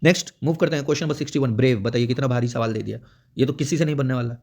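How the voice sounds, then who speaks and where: Guy teaching grammar for exams, gravelly voice, keeps checking in with students. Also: medium pitch, rapid-fire, darkish tone. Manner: explains step by step with frequent "theek hai" check-ins. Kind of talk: exam prep lesson.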